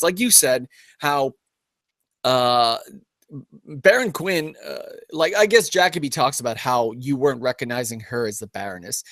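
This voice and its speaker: A man co-hosting a casual recap show, talking animatedly and jumping into loud character bits as he retells scenes. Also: medium pitch, no echo.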